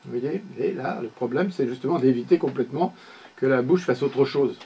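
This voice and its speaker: A man's voice: medium pitch, normal speed, warm tone, dull audio, a little hiss or hum. An older man leading a one-on-one speech therapy session, patiently giving short commands and checking that his pupil follows. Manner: patient, gives short spoken commands, often asks "you see?".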